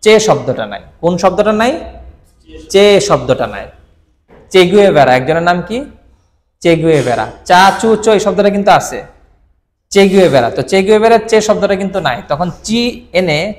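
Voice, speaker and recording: A man teaching vocabulary in a classroom-style drill, repeating each word slowly and quizzing his listeners. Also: high-pitched, lively intonation. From Bangladesh. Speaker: Japanese language teacher. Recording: long reverb, echoey room.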